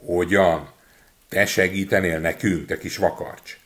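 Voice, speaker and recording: A man voicing a band of wary, greedy thieves in a storybook reading, sounding doubtful and hushed. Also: low-pitched, fairly even intonation. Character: gruff grown male thieves, wary and greedy.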